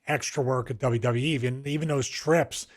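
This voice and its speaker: A man's voice: medium pitch, steady tone, moderate pace. Here a middle-aged man with a Philadelphia accent talks through long, meandering stories on a podcast. He speaks in an easygoing, conversational way, restarting sentences often and leaning on fillers as he goes. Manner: rambling, storytelling with frequent restarts and fillers. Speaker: podcast co-host. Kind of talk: casual chat.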